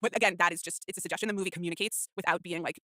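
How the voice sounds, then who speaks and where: Woman, podcast co-host, very quick, bright voice, rambling with restarts, dry close sound. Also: fairly low pitch, fairly even intonation, no room sound. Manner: rambling, many false starts and filler words. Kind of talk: casual film discussion.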